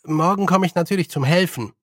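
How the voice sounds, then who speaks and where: A man's voice: on the high side, a little fast, no room sound, studio quality, voice pushed up, close to an everyday voice. A man reading an audiobook voices a nervous, honest young witch girl who hesitates a lot. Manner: hesitant, with many fillers.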